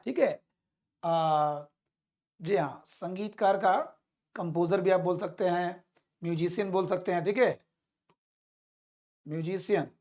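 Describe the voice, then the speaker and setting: A woman's voice: mid-range voice, a little mellow. A woman teaching English vocabulary in a spoken lesson. She repeats each word several times and keeps addressing her listeners as companions.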